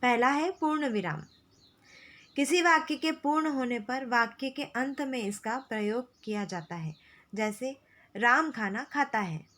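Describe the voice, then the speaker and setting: A woman's voice: a little high, expressive, fairly bright tone. Woman teaching grammar to children. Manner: slow, explanatory, repeats key phrases for children. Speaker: school Hindi teacher. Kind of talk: classroom lesson explaining grammar.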